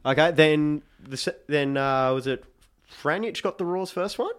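A man talking football with friends in a casual podcast chat. His voice sits a little high, and he gets animated as he retells the big moments. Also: moderate pace, smooth. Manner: excited storytelling, animated retelling.

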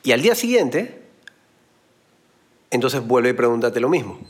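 Man, motivational speaker, husky voice, very animated pitch, everyday analogies, blunt slang. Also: unhurried. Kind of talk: motivational talk.

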